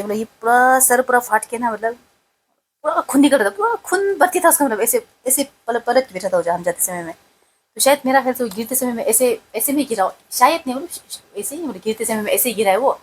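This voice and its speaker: A woman with a fairly high voice tells a family story, rambling and emotional, leaning heavily on fillers. A faint noise sits under her voice, along with some ambient room sound. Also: low-quality recording. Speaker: wife of the vlogger. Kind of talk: casual storytelling.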